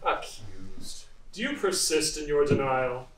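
A man's voice: mid-range voice, big pitch swings, measured pace, very noisy. A man playing a stern judge in a live stage play, commanding and scornful. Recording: echoey hall from far off.

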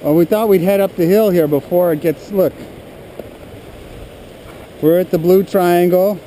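A man's voice: high voice, a little slow, warm tone. A man chatting casually while hiking through a forest, explaining the map and rocks with dry jokes, recorded on a head-mounted camera. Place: forest hillside outdoors. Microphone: head-mounted action camera. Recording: noisy outdoor action-camera audio.

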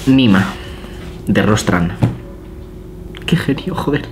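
A young man talks casually and excitedly, gushing and swearing in awe as he pages through an illustration book. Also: lowish voice, slow pace, background noise. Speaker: illustrator and YouTuber. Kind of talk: casual vlog, flipping through an art book.

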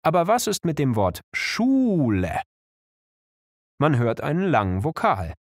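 Male narrator for a kids' lesson: slow, very animated pitch, dry studio sound. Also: no echo. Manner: slow, clear explanations with lively pitch. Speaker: narrator of an educational video. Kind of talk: scripted narration for children.

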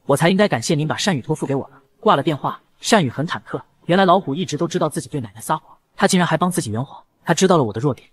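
A man's voice: fairly high pitch, slightly rough. A man narrating a comic story recap with cheeky, joking asides.

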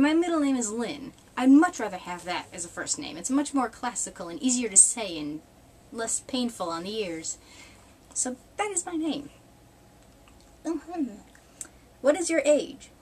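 Her voice a little high, slightly mellow and a touch rough, this thirtysomething vlogger from New England swings widely in pitch at a moderate pace. Sitting in a small room before a red cloth backdrop, she talks casually to the webcam, wandering and wry, with frequent laughter and light cursing.

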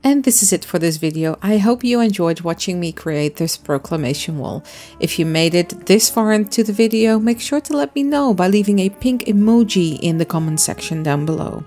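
A woman's voice: mid-range voice, expressive, moderate pace, dark tone, soft background music. A woman hosting a crafting vlog, explaining her miniature build step by step in a friendly, chatty voice-over. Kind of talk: casual voice-over narration.

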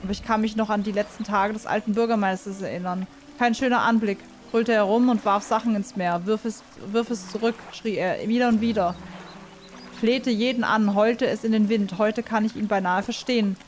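Sad old dad from a fishing game, soft and quiet, a lady just reading his lines. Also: medium pitch, fairly even intonation, moderate pace, slight background noise, lightly acted. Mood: brooding. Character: grieving old fisherman father, quiet and sorrowful. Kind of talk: reading game dialogue aloud.

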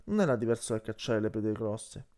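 Expressive male audiobook reader. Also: fairly low pitch, a little fast. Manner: expressive, voices the characters. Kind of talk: audiobook narration.

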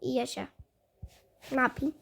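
A woman's voice: sits high, normal speed, vocal fry, a bit bright. A woman giving casual let's-play commentary, chatty and self-mocking, often exclaiming at the game. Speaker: gaming video host.

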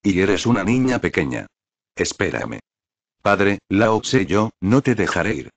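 A man's voice: low voice, lively intonation, unhurried, creaky, slightly rough, no room sound, full character voice. A man voicing a pompous, brawling old male landlord who whines and blusters in a storybook reading. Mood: whining.

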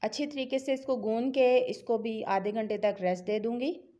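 In a home cooking tutorial voice-over, a cooking channel host, a middle-aged woman with a Pakistani Urdu accent, explains a recipe in a chatty, supportive, instructive manner. Her voice is fairly high and mellow, with fairly even intonation and normal speed.

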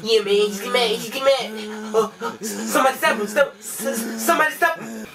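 A man's voice: sits high, a little fast, gravelly, distant mic, over music. A man voicing a goofy, nervous sidekick cartoon bird who mumbles agreement.

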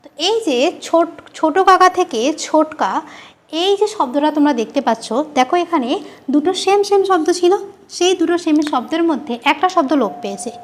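উঁচু গলায় শিক্ষিকা, ধীরে ধীরে ব্যাকরণ বোঝাচ্ছেন. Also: female voice, high-pitched, expressive. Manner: repeats key terms slowly, asks and answers her own questions. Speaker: teacher. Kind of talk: grammar lesson.

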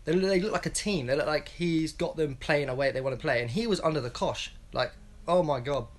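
Brisk and a little high, a young man in his twenties delivers blunt, rambling football opinions. It's a casual solo analysis vlog from a small room at home, recorded on a wired earphone mic.

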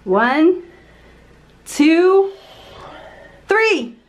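A woman's voice: extremely high pitch, big pitch swings, drawn-out words. A woman behind the camera chatting casually and egging someone on. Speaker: off-camera helper. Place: small home bathroom.

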